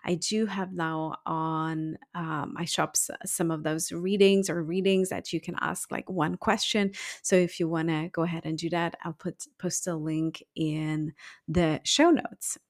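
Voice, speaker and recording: A woman's voice: low voice, little pitch movement, unhurried. A woman talking casually to her audience as an astrologer host, explaining things in an informal way. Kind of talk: casual explanatory talk to viewers.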